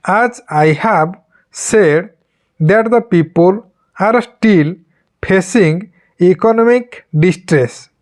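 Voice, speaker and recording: A reader dictating a formal speech for shorthand practice, in deliberate short word groups with pauses between them. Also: medium pitch, a little mellow.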